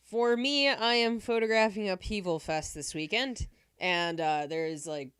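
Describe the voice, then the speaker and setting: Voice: mid-range voice, measured pace, fairly bright tone, clean tone, dry recording. A podcast co-host talking in casual, conversational chat.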